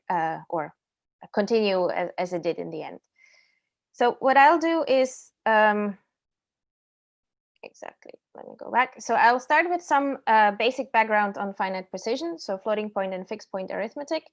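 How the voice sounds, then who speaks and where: A woman in her thirties, originally from Slovakia, presents a technical talk over a video call. She explains in a clear, step-by-step way, with the odd um and restart. Her voice sits at a middle pitch for a woman. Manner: clear, explanatory, with frequent ums and self-corrections. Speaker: invited speaker. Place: indoor room at home or office.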